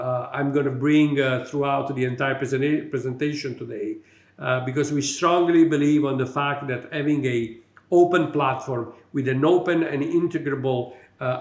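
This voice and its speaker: The sound is roomy as a middle-aged man from Italy, a company executive, works through his prepared conference talk with an Italian accent. His voice sits in the mid range, and his delivery is halting and full of fillers.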